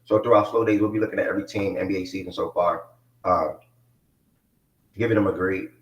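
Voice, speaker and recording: His voice low and intonation fairly even, a man in his twenties talks a little fast as he hosts a live sports show. He's laid-back and rambling, heavy on fillers. Because the mic isn't plugged in, he sounds distant in an echoey space.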